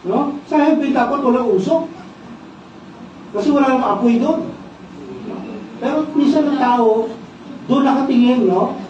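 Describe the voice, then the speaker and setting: A Filipino-accented male pastor preaches in a high, mellow voice, asking the congregation questions and ending lines with "no?". His voice sounds far from the mic in a strongly echoing church hall. The recording is dull and muffled. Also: a little slow, long pauses, a little hiss or hum. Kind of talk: sermon. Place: church worship service.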